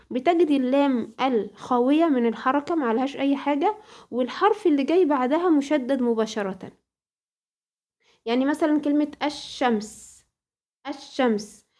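A woman's voice: high-pitched, a little mellow. A woman with an Egyptian Arabic accent teaches a tajweed lesson, speaking directly to a female student and asking questions that she then answers herself. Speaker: Quran recitation teacher.

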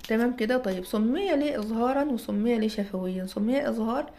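A woman's voice: a little high, fast, warm tone. A woman with an Egyptian Arabic accent gives an explanatory lecture as a recitation teacher. She asks and answers her own questions and checks in with her listeners.

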